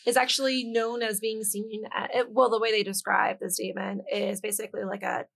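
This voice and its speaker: A woman's voice: mid-range voice, little pitch movement, brisk, gravelly, a bit bright. A woman on a casual podcast, a guest horror expert who explains movie lore hesitantly, with many ums.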